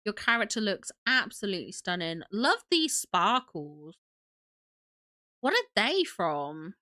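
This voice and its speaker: A woman's voice: medium pitch, very animated, slow, pushed and bright. A young woman hosting a casual livestream, sniffly from a cold, gushing and chatty as she greets viewers. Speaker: livestream host.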